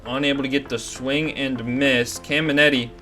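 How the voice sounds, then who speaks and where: A young man giving play-by-play commentary over a baseball video game, getting excited on big plays. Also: mid-range voice, normal speed. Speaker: gaming commentator. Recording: faint music behind.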